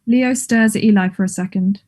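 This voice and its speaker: Reading stage directions at a table read, a woman narrates a play script in a mellow, mid-range voice. She moves along fairly quickly.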